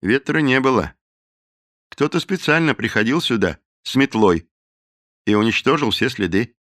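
A man's voice: mid-range voice, expressive, normal speed, fairly bright tone, no echo, studio quality, close to an everyday voice. A man voicing a composed, matter-of-fact male newspaper editor. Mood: calm.

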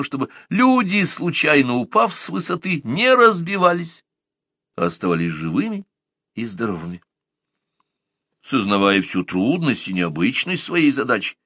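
A man narrating an audiobook story in the first person with an expressive storytelling delivery. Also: medium pitch, dry recording, clean studio sound.

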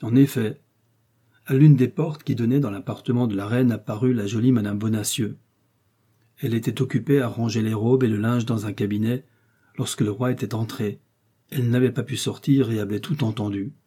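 A male narrator reads a classic novel aloud in a steady, measured pace. His tone is mellow and warm with a husky edge. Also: mid-range voice. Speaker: audiobook narrator. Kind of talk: scripted narration.

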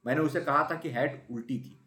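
A man voicing a slow, dawdling boy mouse who stubbornly argues with his sister. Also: fairly high pitch, a bit bright, natural voice. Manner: stubborn, unhurried. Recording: roomy echo.

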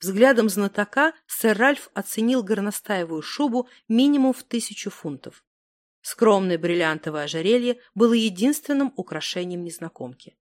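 A woman narrating a story in a calm, measured reading voice. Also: mid-range voice, dry recording. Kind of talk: audiobook narration.

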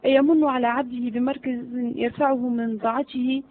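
Woman reading as a sly, flattering servant. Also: high voice, brisk, lightly acted. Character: cunning flattering male servant, scheming. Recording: phone-like narrow audio.

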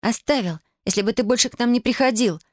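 Narrator doing an indignant young woman, high and loud, bitterly reproachful, audiobook. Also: fast, no echo, studio quality.

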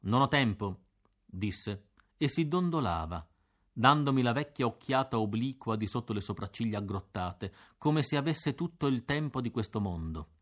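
Animated male audiobook narrator, theatrical. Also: mid-range voice, moderate pace. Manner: theatrical, animated first-person storytelling. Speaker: audiobook reader.

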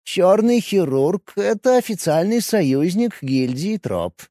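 A man's voice: a little high, big pitch swings, dark tone, no room sound, clean studio sound, voice pushed up. A man doing a shrewd young woman adept. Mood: thoughtful. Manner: thoughtful, measured.

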